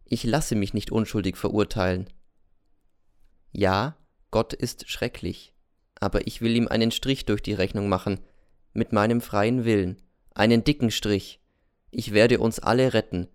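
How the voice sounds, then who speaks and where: A man narrating an audiobook in a measured, introspective first-person telling. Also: fairly low pitch, steady tone, smooth, dry recording, clean studio sound.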